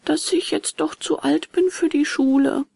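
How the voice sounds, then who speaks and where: A woman voicing an excitable young wooden puppet boy in a storybook reading, high and often whispered. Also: a little slow, creaky, no echo, clean studio sound, full character voice. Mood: sulky.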